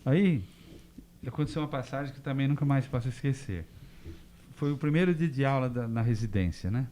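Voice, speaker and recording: An older Brazilian man from the interior of São Paulo, a physician telling lively stories as an interview guest and acting out the dialogue. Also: medium pitch, fairly quick, a little hiss or hum. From Catanduva, São Paulo state, Brazil. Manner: lively anecdotes, acts out quoted dialogue. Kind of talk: casual storytelling.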